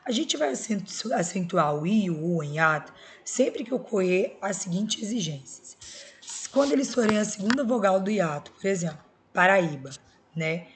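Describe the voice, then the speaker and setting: A woman's voice: medium pitch, animated, moderate pace. A Brazilian woman teaching a Portuguese class, explaining grammar rules step by step and checking in with her students. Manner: explains step by step with tag questions. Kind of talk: recorded school video lesson.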